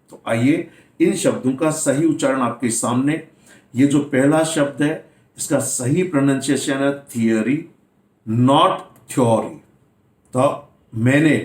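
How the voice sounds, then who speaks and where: A man's voice: mid-range voice, darkish tone, roomy sound. A man teaching English pronunciation in a video class, speaking Hindi mixed with English words and spelling words out letter by letter. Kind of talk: classroom-style video lesson.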